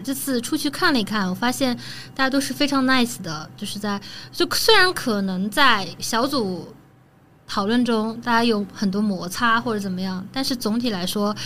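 A woman talking as a guest in a casual podcast conversation, relaxed and chatty, often ending phrases with soft particles. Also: mid-range voice, a little hiss or hum.

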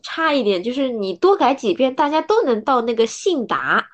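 Woman co-host, casual podcast talk, animated with examples, laughs easily. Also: on the high side, moderate pace. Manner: lively, gives examples and laughs often. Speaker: former translation student. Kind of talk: casual book-club chat.

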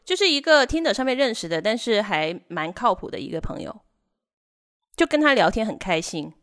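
A podcast co-host with a lively voice that moves up and down a lot. She chats casually and at length, often stopping to restart or correct herself. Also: mid-range voice, a little fast. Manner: talkative, with many restarts and self-corrections. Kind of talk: casual chat.

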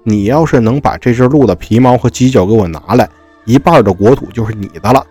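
A man voicing a king in a storytelling podcast, speaking in a brisk, commanding way with a husky voice. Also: mid-range voice, warm tone, faint music behind, lightly acted. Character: curious male king, quick to judge.

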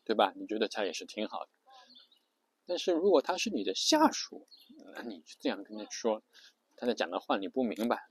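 A man's voice: medium pitch, a little mellow. A man giving a casual spoken lesson, chatty and full of fillers, often stopping to ask his listeners a question.

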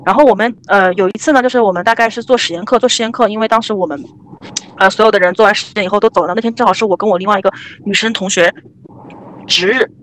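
A young woman casually telling a ghost story on a podcast, rambling and animated with many restarts. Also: medium pitch, rapid-fire.

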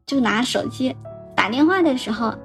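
A young woman recounts a personal story on a podcast, her voice sitting a little high. She speaks haltingly, repeating words as she retells old conversations. Faint music plays underneath. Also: expressive, fairly bright tone.

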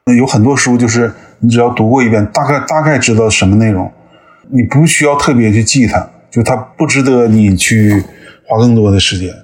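A man's voice: medium pitch, a little fast, slightly rough. A man in his fifties from northeast China, a podcast guest talking thoughtfully with frequent hesitations. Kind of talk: conversational interview.

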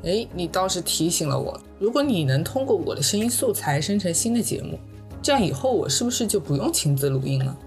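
A woman's voice: lowish voice, sing-song, a little fast, darkish tone, faint music behind. A woman hosting a narrated podcast, speaking in a reflective, conversational way. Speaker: podcast host. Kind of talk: narrated podcast with scripted segments.

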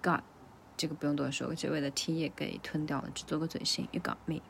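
A woman teaching English pronunciation, breaking lyric lines into their sounds and repeating them slowly. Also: deep voice, flat delivery, gravelly, slight background noise. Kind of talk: casual singing-style pronunciation lesson.

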